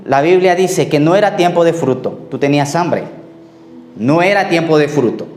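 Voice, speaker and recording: A male pastor preaching a sermon and telling personal stories, acting out the dialogue and sometimes trailing off quietly. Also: on the high side, expressive, moderate pace, roomy sound, slight background noise. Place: church.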